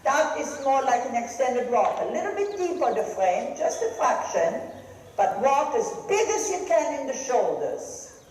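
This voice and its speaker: Casting: riding coach, high and very lively voice, firing off brisk projected commands in short phrases. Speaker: riding instructor. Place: large echoey riding arena. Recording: very echoey hall, some noise.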